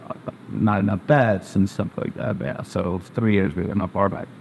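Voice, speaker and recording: As an interview guest, a Zambian-born family physician raised in New Jersey talks a little fast in a low, creaky, darkish voice with a steady tone. He's plain-spoken but hesitant, with lots of uh and um, and a bit of hiss or hum sits underneath.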